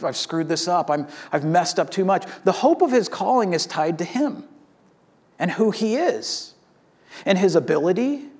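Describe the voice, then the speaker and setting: A man's voice: sits high, a little mellow. A man in his thirties, a pastor delivering a conversational sermon, telling stories animatedly and often asking "right?".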